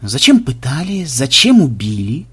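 A man voicing a cold, sharp-witted male programmer investigator who speaks calmly in clipped, probing lines, in an audiobook. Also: mid-range voice, a little slow, slightly rough, exaggerated voice. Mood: quietly probing. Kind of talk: audiobook character voice.

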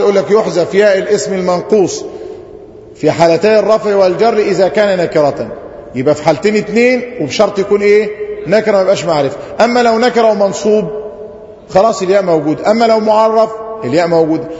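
This high, darkish-toned male voice belongs to a grammar teacher with an Egyptian Arabic accent. He repeatedly asks the class questions, supplies the answers himself, and stretches out example phrases slowly, all captured in a roomy lo-fi hall recording.

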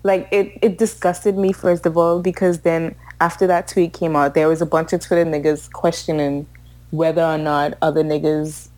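Woman, co-host, casual chat, opinionated, swears freely, lowish voice, dry close sound. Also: little pitch movement, normal speed, darkish tone, dry recording, rough recording. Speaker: podcast co-host.

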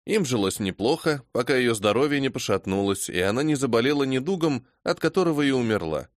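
A man narrating an audiobook in a measured, even reading. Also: mid-range voice, no room sound, clean studio sound. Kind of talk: scripted narration.

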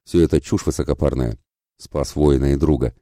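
A man's voice: rumbling low, brisk, warm tone, no room sound, studio quality. A man doing a scornful brawler warrior. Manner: sneering and scornful. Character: big hot-tempered male warrior bully.

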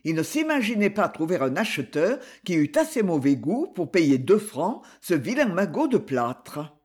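A man with a husky voice reading an adventure novel aloud as an expressive, scripted narration. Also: high-pitched, normal speed. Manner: expressive storytelling. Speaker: audiobook narrator.

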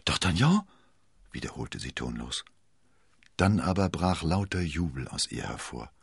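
Deep, husky male storyteller. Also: moderate pace, no room sound, studio quality. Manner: expressive, dramatic storytelling. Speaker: narrator. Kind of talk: scripted storybook narration.

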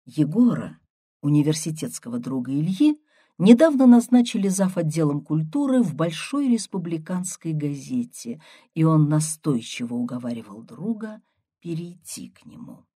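A woman narrating a story in an expressive manner. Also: low-pitched, normal speed, breathy edge, dry recording, studio quality. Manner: expressive, varied. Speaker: audiobook narrator.

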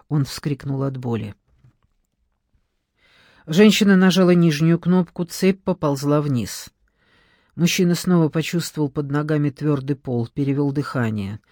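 A man narrating a thriller audiobook in a measured, even storytelling voice on a close studio mic. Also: fairly high pitch, dry recording.

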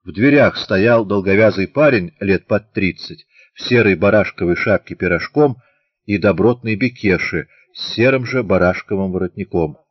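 A man narrating an audiobook in a measured storytelling manner. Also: fairly low pitch, husky, no echo, muffled recording.

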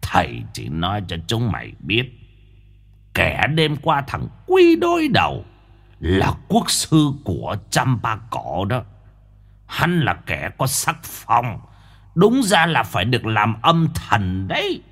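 A gruff old ghost master, played by a male narrator, lecturing slowly and cryptically. His low, husky voice swings widely in pitch, unhurried and ominous, like a voice from an audiobook ghost story. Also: huge pitch swings, a bit bright, exaggerated voice. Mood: cryptic. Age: older. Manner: slow, gravelly mock-wise lecturing.

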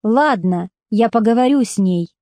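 A stern, curt male foreman, as a woman narrator puts him on, barking orders and scolding in slow, heavy words. The tone is mellow and rather dark. The recording is dry and close. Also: a little high, lively intonation, no room sound. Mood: gruff. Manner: curt, commanding, blunt. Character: gruff stern middle-aged male factory foreman.

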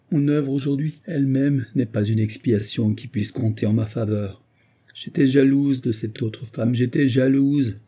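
A man's voice: fairly low pitch, warm tone, breathy edge. A man reading an audiobook and voicing a desperate, remorseful woman who pleads and wails. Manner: wailing, pleading outbursts.

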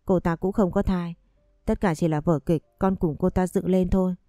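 A man's voice: high voice, steady tone, moderate pace, warm tone, dry recording, studio quality, soft background music. A woman voicing a frightened young man who begs his father for forgiveness in a read-aloud story. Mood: remorseful. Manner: whining, pleading.

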